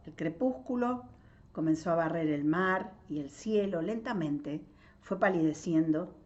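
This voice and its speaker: A woman with an Argentine accent reading a novel aloud, in a measured way with pauses, adding her own comments. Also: lowish voice, lively intonation, darkish tone. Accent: Argentine Spanish. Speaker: literature reader. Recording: dull lo-fi audio.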